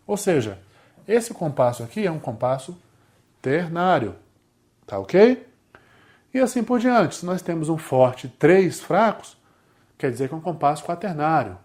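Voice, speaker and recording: A man's voice: on the high side, darkish tone. A man with a Brazilian Portuguese accent teaching a music theory lesson, explaining step by step and often checking in with his students.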